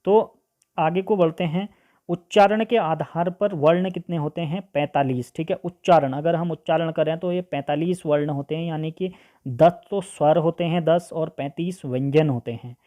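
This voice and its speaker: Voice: mid-range voice, moderate pace, warm tone. A teacher giving an online grammar lesson, asking questions and answering them, sounding out vowels one by one, and checking in with "okay" after nearly every point. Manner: keeps adding "ठीक है" as a check-in; asks a question and then answers it.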